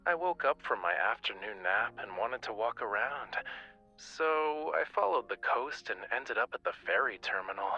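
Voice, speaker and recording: Rafayel, bright-voiced teasing young man. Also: mid-range voice, animated, moderate pace, lo-fi sound, soft background music. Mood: playful, casual. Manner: smug, playful, coaxing. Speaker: game character voice actor. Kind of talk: romance game voice acting.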